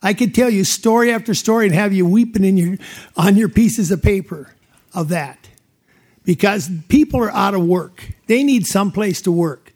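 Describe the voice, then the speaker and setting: A man's voice: sits high, normal speed, a little mellow. A middle-aged man from North Dakota, giving emotional, plain-spoken testimony as a landowner at a public hearing.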